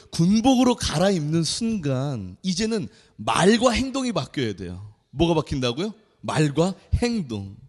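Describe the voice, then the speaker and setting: A man in his thirties preaching a sermon as a junior pastor, telling stories with lively acted-out voices. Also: high-pitched. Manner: animated storyteller, acts out quoted voices. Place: church sanctuary. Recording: reverberant church hall.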